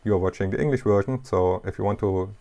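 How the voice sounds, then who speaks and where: Man, German accent, non-native English, gravelly voice, halting with many fillers, basement workshop. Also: on the low side, dark tone. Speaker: YouTuber, hobby CNC machinist. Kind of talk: casual talk to camera.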